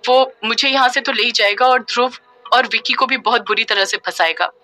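A woman's voice: fairly high pitch, a little fast, pushed and bright, faint music behind. Woman voicing an anxious young dream-seer. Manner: anxious, urgent.

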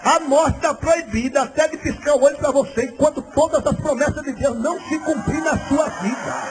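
A man preaching a sermon in a fervent, theatrical manner, often shouting. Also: very high voice, moderate pace, faint music behind, low-quality recording. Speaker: missionary preacher. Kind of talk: sermon with a personal story.

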